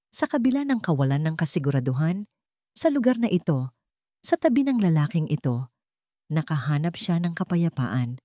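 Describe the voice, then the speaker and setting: With a low, dark voice and a Filipino accent, a woman narrates a scripted romance story dramatically. The recording is studio quality with no room sound.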